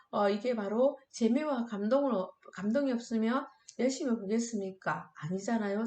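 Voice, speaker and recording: In an echoey room, a middle-aged woman runs an online anti-smoking class for high school students, mixing lecture with group exercises. She keeps her students going with upbeat coaxing, shouted chants and clapping games.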